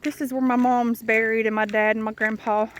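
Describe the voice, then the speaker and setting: A woman's voice: on the high side, flat delivery, fairly quick. A woman chatting casually and candidly in a rambling, folksy way while recording a walking vlog on a country dirt road. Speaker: vlogger. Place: outdoors on a rural dirt road. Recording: noisy outdoor country recording. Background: clear outdoor noise.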